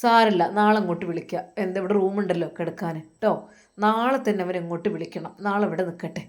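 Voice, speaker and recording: A woman with a Malappuram Malayalam accent voicing a gentle, religious young husband who steadily reassures his wife. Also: mid-range voice, fast, natural voice. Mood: soothing. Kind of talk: storytelling voice acting.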